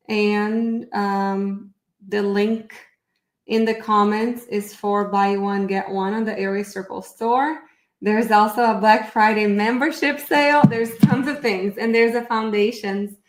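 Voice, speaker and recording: A middle-aged woman with a Brazilian Portuguese accent, a therapy educator, hosts a casual live webinar. Her medium-pitched voice sounds reverberant. She's chatty and upbeat, thinking aloud as she shares her screen.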